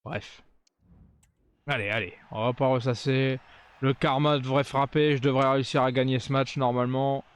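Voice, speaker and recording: A man talks through his gameplay in a casual, conversational way. His voice sits at a medium pitch. He comments as he plays, with a grumbling, sarcastic edge to his asides. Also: steady tone, moderate pace, smooth. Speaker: gaming video creator.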